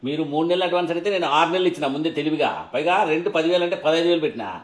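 A man playing a cocky male tenant in a comedy sketch, loud and mocking as he refuses to leave. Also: on the high side, rapid-fire, reverberant, lightly acted. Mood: defiant.

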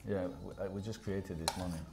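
A man's voice: sits low, steady tone, fairly quick, vocal fry, very noisy. A man hosting a cooking show, explaining a dish with brief, laid-back remarks. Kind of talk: casual cooking demonstration. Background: background music.

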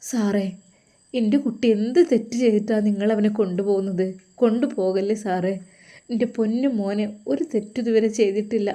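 A woman's voice: medium pitch, steady tone, moderate pace, mellow, lightly acted. A woman voicing an elderly mother, weeping and pleading for her son in an audio story. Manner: wailing, pleading.

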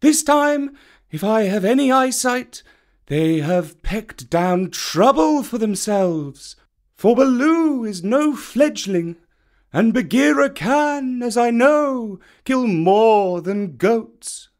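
A man voicing a sharp-eyed old male kite bird that watches the jungle and talks in a wry, chuckling way. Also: very high-pitched, lively intonation, takes it slowly, voice pushed up, full character voice. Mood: amused. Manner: chuckling, knowing.

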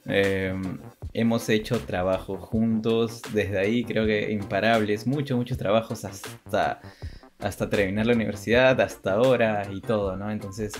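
Over background music, this young man co-hosting a two-person channel talks in relaxed, unscripted chat. His voice sits on the low side, with fairly even intonation and a measured pace.

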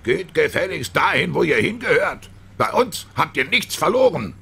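A man voicing an angry, hostile male bus passenger who shouts, in a raised, strained voice. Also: fairly high pitch, big pitch swings, moderate pace, gravelly, slightly rough, voice pushed up, heavily acted.

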